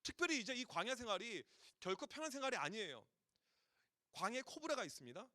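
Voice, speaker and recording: A male pastor preaching to a youth retreat, telling stories in a lively way and acting out the voices of parents and children. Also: extremely high pitch, fast talker, no echo, clean studio sound.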